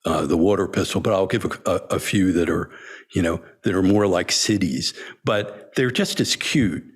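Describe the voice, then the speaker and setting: An older man, a senior disciple, reminiscing in a storytelling talk, halting with many fillers and frequent chuckles. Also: sits low, slightly rough. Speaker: senior disciple telling stories.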